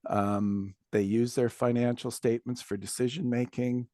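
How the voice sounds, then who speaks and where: A man hosting an online workshop over a video call, laying out the agenda in a relaxed, friendly way with a few fillers. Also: medium pitch, moderate pace, no room sound, clean studio sound. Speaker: workshop host.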